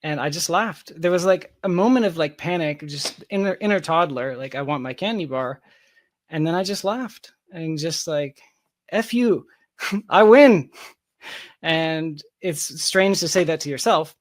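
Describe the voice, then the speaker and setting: In a clean studio recording with no echo, a man with a slightly high voice talks at a measured pace. As a software founder being interviewed, he describes his work candidly and casually, with emphatic jokes at his own expense.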